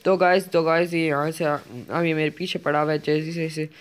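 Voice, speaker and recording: A man's voice: a little high, little pitch movement, faint music behind. A man commentating his own gameplay, urgently repeating words as he plays. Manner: urgent, repeats words rapidly while playing. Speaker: gaming YouTuber.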